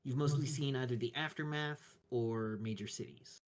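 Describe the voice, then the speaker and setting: Man, game master, halting improvised narration, thoughtful, medium pitch. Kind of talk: improvised narration of a tabletop role-playing game.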